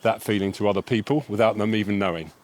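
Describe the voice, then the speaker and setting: A man's voice: on the low side, fairly even intonation, fast, a little mellow. A man co-hosting a podcast while walking outdoors, a chatty upbeat storyteller. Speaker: podcast co-host. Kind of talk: casual walking conversation. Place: outdoors on a walk.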